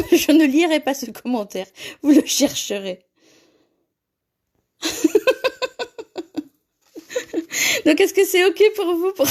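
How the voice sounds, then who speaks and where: High-voiced chatty Frenchwoman hosting a live craft tutorial. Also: a little mellow. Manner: chatty, laughs often while reading comments. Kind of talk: live craft tutorial, reading viewer comments.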